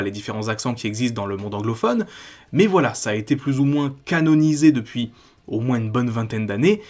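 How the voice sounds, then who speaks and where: A man from France hosting a video essay, talking in a critical, conversational way with frequent casual fillers. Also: mid-range voice. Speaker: YouTube host.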